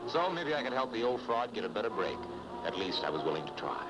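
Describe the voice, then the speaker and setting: An actor playing an easygoing, kindly American private detective with a folksy, teasing manner in a 1950s TV drama. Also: male voice, fairly low pitch, big pitch swings, fast, dull audio, music in the background. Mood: wry. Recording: noisy vintage TV soundtrack.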